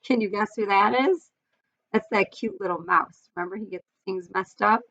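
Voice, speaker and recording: A woman's voice: medium pitch, normal speed, gravelly, a bit bright. A woman teacher reading a picture book aloud to students in a friendly, explaining way, with some fillers. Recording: dull lo-fi recording.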